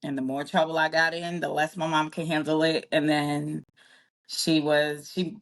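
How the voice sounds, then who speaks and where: Speaking at normal speed with a low-sitting voice and flat delivery, this early-forties woman, born in Jamaica, chats casually as an interview guest. She wanders through her answers, laughs a lot, and keeps correcting herself.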